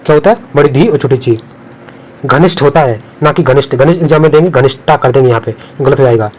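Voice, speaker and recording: Speaking quickly at a medium pitch with a faintly mellow quality, a man teaches Hindi exam spelling from on-screen notes. Each word gets repeated, with warnings about the exam traps that will be marked wrong, and the audio is poor.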